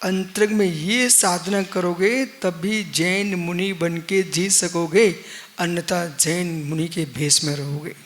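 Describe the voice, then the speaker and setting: A man giving a live religious sermon as a monk, teaching slowly with repeated refrains and rhetorical questions, his voice swinging from loud emphasis down to near-hushed lines. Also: high voice, slight background noise. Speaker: monk preacher.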